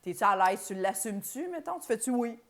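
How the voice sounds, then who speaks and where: A woman's voice: medium pitch, a crowd in the background. Quebec French woman co-hosting, joking. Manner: lively, joking, quick asides. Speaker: podcast co-host. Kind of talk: casual comedic chat.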